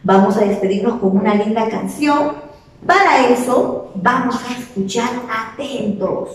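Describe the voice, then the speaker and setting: A woman teacher with a Peruvian Spanish accent, slowly telling a story to small children and asking them questions. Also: fairly high pitch. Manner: slow, expressive, asks children questions. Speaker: preschool teacher. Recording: echoey room, voice from far off.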